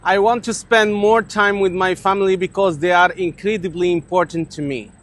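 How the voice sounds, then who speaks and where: Man from morocco, very high voice, plain, sincere testimonial. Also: fairly even intonation, normal speed, fairly bright tone. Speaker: truck driver. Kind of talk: personal testimonial.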